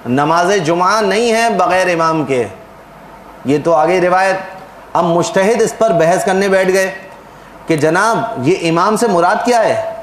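High-voiced man giving a religious lecture. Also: echoey room, a little hiss or hum, rough recording. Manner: explanatory, asks and answers own questions. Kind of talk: sermon lecture.

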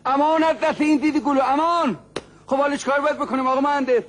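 A man's voice: extremely high pitch, fairly even intonation, slight background noise. An actor playing a fussy, flustered father who stammers and chuckles.

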